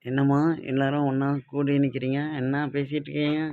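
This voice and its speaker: A man's voice: medium pitch, monotone, brisk, narrow, tinny audio, lightly acted. A man voicing a young husband in a cartoon comedy who reasons with his mother and mildly scolds her. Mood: curious. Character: young husband and son, calm peacemaker who teases.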